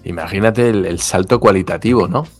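A man with a Mexican accent, a podcast co-host who asks questions in an animated, incredulous way. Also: deep voice, brisk, faint music behind. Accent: Mexican Spanish. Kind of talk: casual podcast chat.

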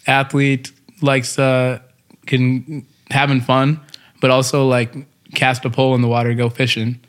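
American guy from texas just chatting, slangy, average pitch. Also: completely flat delivery, measured pace, clear, resonant tone. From Texas, United States. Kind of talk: casual chat.

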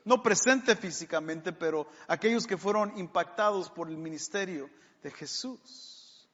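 A man delivers a sermon in a high voice. He preaches slowly and emphatically, stretching out the words he stresses. The recording sounds dull and muffled, with a long hall reverb. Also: a bit bright. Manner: emphatic, drawing out key words.

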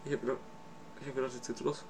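A man's voice: mid-range voice, flat delivery, fast, background noise. A young man co-hosting a casual podcast chat, joking and teasing in a slangy way. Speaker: podcast co-host.

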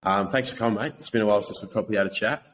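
Low-voiced young man, broad Australian accent. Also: racing, fairly bright tone, a little hiss or hum. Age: young adult. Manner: blokey, laid-back slang and swearing. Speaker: podcast host. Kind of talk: casual chat.

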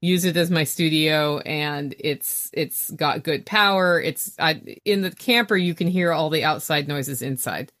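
A woman with a slightly low voice speaks in an informal interview. Her delivery is chatty and plain-spoken, in everyday conversational phrasing. She is recorded inside a small camper trailer. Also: measured pace, few pauses, fairly bright tone. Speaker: podcast guest, homesteader.

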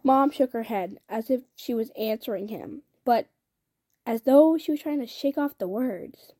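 A woman's voice: fairly high pitch, measured pace, dark tone. A young woman casually reading a novel aloud, often stumbling and restarting phrases. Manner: reads with frequent slips and restarts. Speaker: reader.

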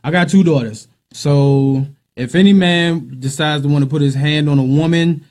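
A man's voice: fairly high pitch, moderate pace, darkish tone. A man who is a comedian, guesting on a podcast and talking brashly with a lot of profanity and jokes. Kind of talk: casual podcast chat.

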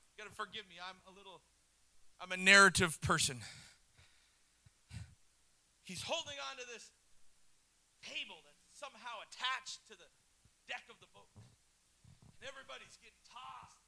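A male missionary preacher delivering a sermon, telling the story with animation, chuckling between points and swinging into shouts. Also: very high-pitched, a little hiss or hum, low-quality recording.

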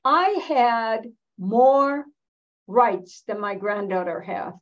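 Interviewed as a guest, a longtime American feminist activist aged seventy or more talks in a voice on the high side. Her manner is thoughtful, deliberate and emphatic, with pauses falling mid-sentence, on a somewhat dull-sounding recording.

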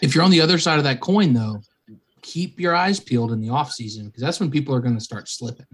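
A man co-hosting a casual podcast. His voice is mid-pitched, and he adds dry, quick remarks to the conversation. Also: husky. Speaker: podcast co-host.

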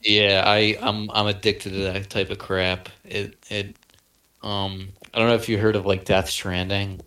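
A man's voice: fairly low pitch, little pitch movement, a little slow, pushed and bright. Rambling young man with cracking voice. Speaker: podcast co-host. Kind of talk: casual chat.

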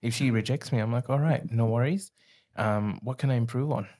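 A man's voice: medium pitch, fairly quick, darkish tone. Man, Australian accent, mid-range voice, reflective, plain-spoken. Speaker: podcast co-host. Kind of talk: casual podcast chat.

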